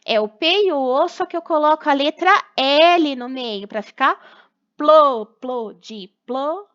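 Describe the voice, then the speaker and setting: A bright, fairly high-voiced young woman with a Brazilian Portuguese accent teaches children, drawing each syllable out slowly and patiently. The recording sounds dull and lo-fi. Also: expressive. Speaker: primary school teacher. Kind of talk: recorded remote class for children.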